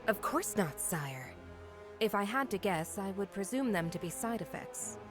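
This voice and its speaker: A woman's voice: medium pitch, animated, lightly acted. Woman acting a cool, courtly female agent. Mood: smooth deference. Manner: formal, measured, courtly. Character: cool, deferential female agent serving a sovereign. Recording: game music behind the voice.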